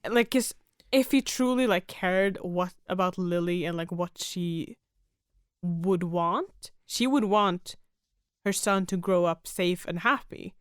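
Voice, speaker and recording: A woman's voice: lowish voice, takes it slowly, smooth, no echo, studio quality. A woman co-hosting a podcast, chatting casually and animatedly with a co-host and swearing freely. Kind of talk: casual chat.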